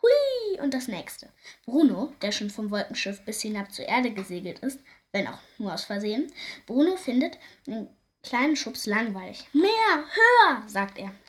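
Lively woman reading a kids' story. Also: mid-range voice, moderate pace. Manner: lively, expressive.

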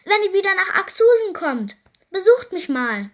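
A woman reading a storybook voices a bossy, cunning young woman who orders her captors around in a bright, insistent way. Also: fairly high pitch, sing-song, normal speed. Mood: cheerful bossy.

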